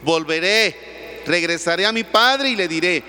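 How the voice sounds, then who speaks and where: A man's voice: sits high, animated, a little slow, sharp tone, long reverb tail, a little hiss or hum, exaggerated voice. A man, a priest, acting out a hungry young son who repents and pleads to return to his father, in a church. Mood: repentant.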